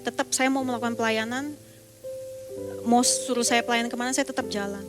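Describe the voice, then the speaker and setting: A woman in her thirties from Indonesia, an evangelist telling a personal testimony in a sermon with pauses and restarts. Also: fairly high pitch, fairly even intonation, music in the background. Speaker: evangelist preacher.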